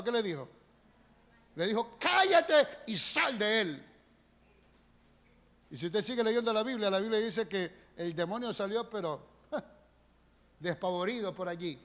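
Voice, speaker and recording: Pastor guy preaching, highish voice, asks the crowd lots of questions, long church echo. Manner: emphatic preaching with rhetorical questions. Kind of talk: sermon. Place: church sanctuary. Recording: long church reverb on a live stream.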